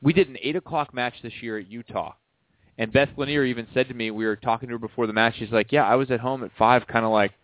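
A man's voice: medium pitch, steady tone, fast talker, no room sound. A man in his late thirties, a radio co-host, chatting casually and telling stories about sports travel. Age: 30s. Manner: chatty, storytelling. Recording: dry phone-line sound.

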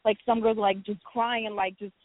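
A woman's voice: medium pitch, level tone, moderate pace, dry recording. A young woman in her twenties with a New Jersey accent, talking bluntly and casually as an interview guest, full of slang and swearing. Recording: tinny phone-like line, dry.

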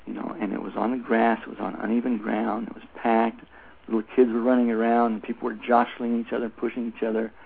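Gravelly man over a phone line. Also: on the low side. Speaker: Tai Chi instructor, interview guest. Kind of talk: conversational storytelling interview. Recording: tinny phone line with faint noise.

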